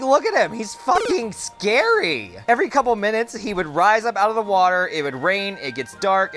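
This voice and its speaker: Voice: medium pitch, fairly bright tone. A campy drag queen reviewing video games in a casual, exclamatory and playfully crude way.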